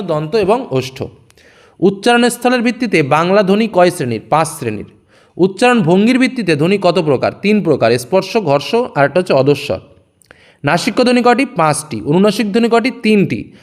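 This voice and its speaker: A man teaching exam revision, reading each question aloud and then giving the answer in a lower, quieter voice.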